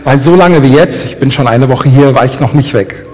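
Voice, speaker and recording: A man interpreting a sermon live, rephrasing quickly with some hesitation. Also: mid-range voice, a little mellow. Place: church hall. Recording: long church hall reverb.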